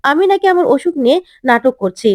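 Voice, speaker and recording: A woman's voice: high-pitched, expressive, brisk, darkish tone, dry recording. A woman voicing a playful, complaining older father figure in a retold serial.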